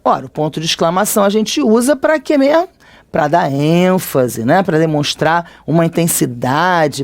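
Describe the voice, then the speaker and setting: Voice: mid-range voice, darkish tone. A teacher with a Brazilian Portuguese accent giving a recorded grammar lesson, explaining conversationally and checking in often with tag questions.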